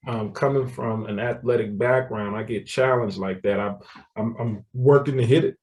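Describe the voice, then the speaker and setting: A man's voice: on the low side, steady tone, moderate pace, darkish tone, distant mic. A man, telling his story as a guest in a casual interview, laughing often and repeating words. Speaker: guest, real estate developer.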